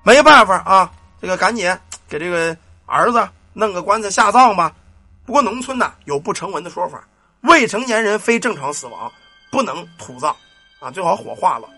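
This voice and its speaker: A man's voice: sits high, lively intonation, normal speed, bright, forceful tone, no room sound, faint music behind. A man telling a village ghost story in a colloquial, earthy way, with casual cursing and sound effects. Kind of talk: spoken ghost-story narration.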